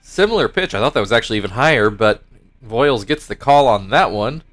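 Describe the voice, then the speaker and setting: Talking fast and animated, this stuffed-up young YouTuber narrates his own baseball game league in a casual way. His mid-range voice, a bit bright, swings from mock play-by-play to rambling asides where he corrects himself.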